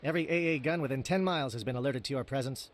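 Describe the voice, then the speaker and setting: An actor playing a terse, exasperated alien infantry captain in a video game, clipped and military in manner. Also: male voice, medium pitch, racing, a little hiss or hum, close to an everyday voice. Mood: brisk, grave.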